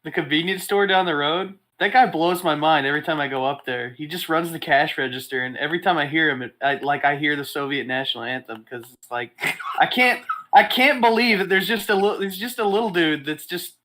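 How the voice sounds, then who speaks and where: A man's voice: a little high, a little fast. A man co-hosting a casual chat show, swearing freely and telling stories with animation. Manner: crude, animated storyteller. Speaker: co-host.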